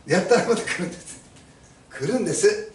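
A man's voice: high-pitched, expressive, brisk. A male pastor preaching a sermon to his congregation, emphatic and fond of rhetorical questions, recorded in an echoey church hall from a distance. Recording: echoey room, mic at a distance.

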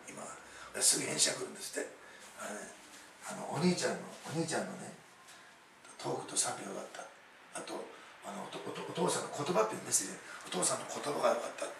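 A man's voice: mid-range voice, gravelly, noisy background. A middle-aged man, a pastor telling a story in a chatty sermon and often adding "ne". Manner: chatty, laughing asides, tag-question "ne". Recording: echoey hall, distant mic, faint ambience.

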